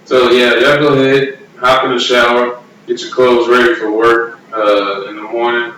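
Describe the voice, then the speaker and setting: A man's voice: mid-range voice, flat delivery, moderate pace, fairly bright tone. Man in a very echoey room. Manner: laid-back. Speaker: show co-host. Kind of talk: casual chat. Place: echoey room, away from the mic. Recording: very echoey room, distant mic, faint noise.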